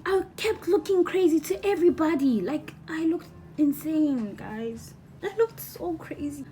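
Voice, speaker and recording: Animated woman telling a story. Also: fairly high pitch, slight background noise. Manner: animated, rambling, repeats herself. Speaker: vlogger. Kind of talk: storytime vlog.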